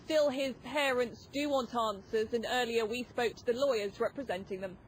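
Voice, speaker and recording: A woman's voice: on the high side, normal speed, low-quality recording. A woman giving a live news report as a field reporter. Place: outside a hospital. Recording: outdoor ambient noise behind.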